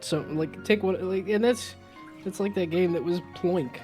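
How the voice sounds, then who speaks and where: A man's voice: sits high, measured pace, a little mellow, soft background music. A man doing casual, rambling game commentary as a streamer, jokey and thinking aloud.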